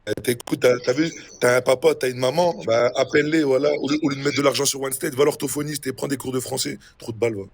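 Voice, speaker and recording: A man's voice: mid-range voice, fairly even intonation, fast, hardly any pauses. A young man streaming a role-play game, casually mocking and insulting another player in a taunting way. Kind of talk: casual trash talk on stream.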